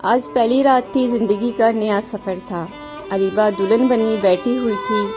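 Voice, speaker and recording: A woman narrating a scripted moral story in a calm, even reading voice. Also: mid-range voice.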